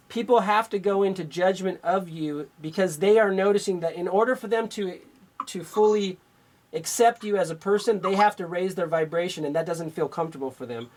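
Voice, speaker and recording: A man's voice: high-pitched, a little mellow. A man working as an energy healer on a radio call-in show, talking in an instructive way. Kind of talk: call-in healing session.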